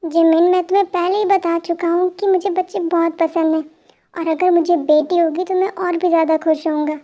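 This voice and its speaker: A woman's voice: very high voice, flat delivery, a little fast, mellow, muffled recording. A woman voicing a playful, apologetic young husband who is a police officer, in an amateur fan dub. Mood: coaxing. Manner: coaxing, playful pleading.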